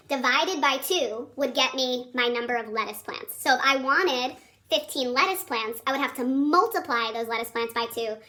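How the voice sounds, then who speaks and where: A woman with a squeaky, helium-like chipmunk voice teaching children in a chatty, encouraging, informal video lesson. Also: sharp tone, a little hiss or hum. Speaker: elementary school teacher.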